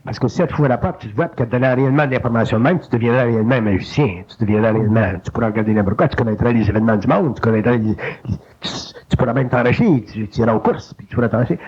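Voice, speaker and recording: Homme québécois enseignant, voix voilée sur cassette. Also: male voice, racing, husky. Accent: Quebec French. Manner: colloquial, animated, jumps up in pitch to mimic an inner voice. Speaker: spiritual teacher. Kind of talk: informal spoken teaching. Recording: lo-fi digitized cassette tape.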